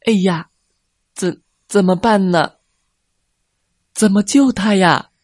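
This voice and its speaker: A man doing shrill squabbling baby dinosaurs. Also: takes it slowly, no echo, studio quality. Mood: shrill protest. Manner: shrill, indignant. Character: fretful little baby ankylosaurs, squabbling.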